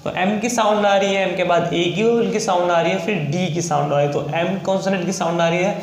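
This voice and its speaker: High-voiced man teaching shorthand. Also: steady tone, a little fast, echoey room, a little hiss or hum, poor audio. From India. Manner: explains step by step, spells out letters, repeats "ठीक है". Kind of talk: classroom lesson.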